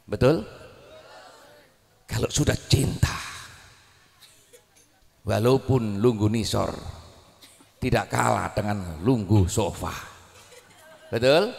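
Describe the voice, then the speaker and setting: A man's voice: medium pitch, vocal fry, big-room sound. A male preacher telling a story dramatically, acting out voices and joking with his audience. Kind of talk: sermon with Arabic devotional singing.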